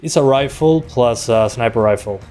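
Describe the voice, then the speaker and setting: With faint music and game gunfire behind him, a mid-range male voice at normal speed delivers casual live-stream commentary over a desktop USB mic. He's an easygoing Uruguayan tech streamer in his 20s, a native Spanish speaker, relaxed and chatty while playing a shooter and answering chat between fights.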